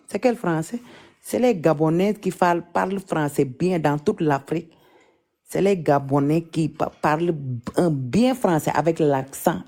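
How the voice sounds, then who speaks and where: On a live stream, a woman from Senegal chats casually in a mocking, teasing manner with plenty of prolonged repetition. She has a Senegalese French accent and a dark tone on the lower side.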